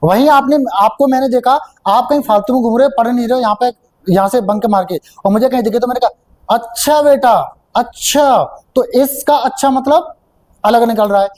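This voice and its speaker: A man's voice: extremely high pitch, fairly quick, a little mellow, poor audio. A man coaching students for an interview, explaining step by step and checking in often. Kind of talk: classroom coaching talk.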